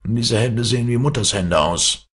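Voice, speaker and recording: A man's voice: mid-range voice, moderate pace, voice pushed up, lightly acted. A man reading a storybook, voicing a suspicious, stubborn young male cannibal. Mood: insistent. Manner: insistent.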